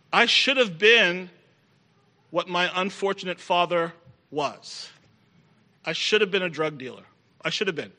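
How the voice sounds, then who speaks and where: A middle-aged male preacher delivering a sermon to a congregation in the room. His voice sits high and sounds piercingly bright. He is emphatic and drives his points home by repeating key phrases.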